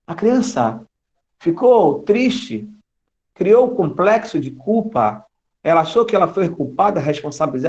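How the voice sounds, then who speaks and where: A male spiritist lecturer tells stories in an expressive manner, with dramatic shifts in his fairly high voice. He talks into a computer mic, and the audio comes through dull and lo-fi, as on a video call. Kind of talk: online doctrinal lecture.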